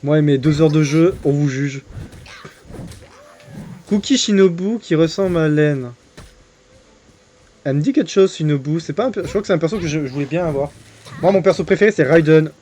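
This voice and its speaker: A man's voice: a little high, fairly quick, pauses often, dark tone, a little hiss or hum. A young man casually commenting on his gameplay while chatting with viewers, joking and crude. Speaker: streamer. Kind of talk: casual live game commentary.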